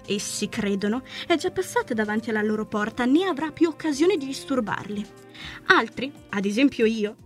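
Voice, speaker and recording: A woman narrating a literary short story in a slow, measured, hushed manner. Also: fairly high pitch. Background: faint music.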